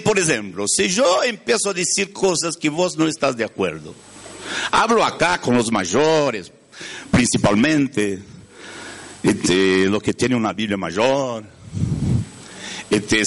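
A man's voice: on the high side, a bit bright. A man from Brazil with a Brazilian Portuguese accent, a native Portuguese speaker, preaching a storytelling sermon in Spanish. He often asks his listeners questions and searches for words.

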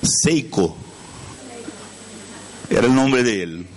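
A man's voice: mid-range voice, lively intonation, very slow, a little mellow. A man from Brazil with a Brazilian Portuguese accent, a native Portuguese speaker, preaching a storytelling sermon in Spanish. He often asks his listeners questions and searches for words.

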